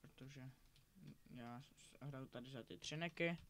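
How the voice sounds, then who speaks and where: A man's voice: mid-range voice, a bit bright, a little hiss or hum. A teenage boy rambling casually while commenting on his own gameplay, often correcting himself. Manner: rambling, self-correcting, chatty. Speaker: gaming YouTuber.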